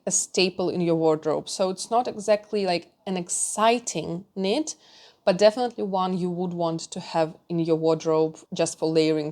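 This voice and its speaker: A woman's voice: mid-range voice, a little mellow. Chatty woman reviewing knitting patterns. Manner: chatty, candid, with small laughs and restarts.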